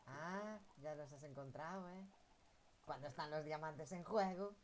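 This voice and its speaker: A man's voice: on the high side, a little slow, slight background noise. A man chatting and joking casually while playing a video game with friends. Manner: joking, sings snatches of a song. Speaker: gamer. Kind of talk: casual gaming chat.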